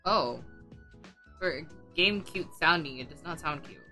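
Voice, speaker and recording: A woman in a casual chat giving short, expressive reactions. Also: deep voice, unhurried, faint music behind.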